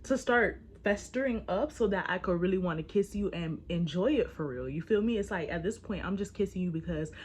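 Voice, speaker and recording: A woman in her twenties telling a casual storytime to her viewers, animated and slangy, speaking straight to the audience. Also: on the low side, brisk, hardly any pauses, slight background noise. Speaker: storyteller, vlogger.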